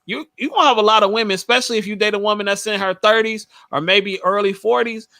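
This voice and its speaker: A man's voice: high-pitched, fast talker, pushed and bright, no echo. A man in his thirties hosting a casual panel chat, giving blunt, emphatic advice with easy laughs. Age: 30s. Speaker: podcast host.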